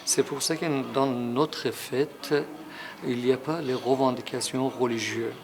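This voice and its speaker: A man's voice: medium pitch, steady tone, unhurried, a crowd in the background. A middle-aged Iranian man, a native Persian speaker with a Persian accent, answering interview questions, hesitant with many fillers and growing emphatic. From Iran. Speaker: interviewee, association president.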